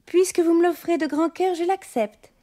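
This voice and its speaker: An actress voicing a gentle, polite young princess in a storybook recording with soft music behind. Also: female voice, very high-pitched, normal speed.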